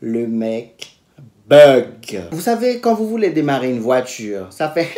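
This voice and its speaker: A man tells a personal story to the camera, throwing himself into every line and playing out both sides of the exchange. His pitch leaps and drops all over the place, and the room around him rings with echo. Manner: animated, theatrical retelling. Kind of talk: story time vlog. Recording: echoey room.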